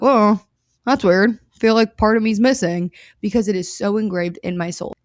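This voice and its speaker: A woman's voice: fairly low pitch, no echo, studio quality. A woman hosting her own podcast, talking casually and upbeat as she teaches, repeating phrases for emphasis. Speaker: podcast host. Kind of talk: casual instructional podcast talk.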